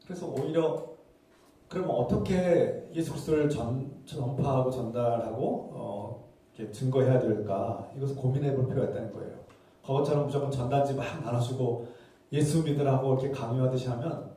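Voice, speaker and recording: A man's voice: mid-range voice, warm tone, distant mic. A pastor in his forties giving an earnest, explaining sermon. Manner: earnest, explaining, acts out quoted scolding voices. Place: church sanctuary. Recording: very echoey church hall, voice from afar.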